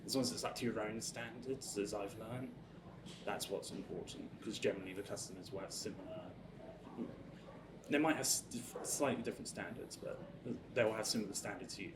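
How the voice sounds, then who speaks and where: A man, a culinary student, rambling in an easygoing way in an interview. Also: on the low side. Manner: easygoing, rambling, a little laughing. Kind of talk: casual interview chat. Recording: distant mic with room noise.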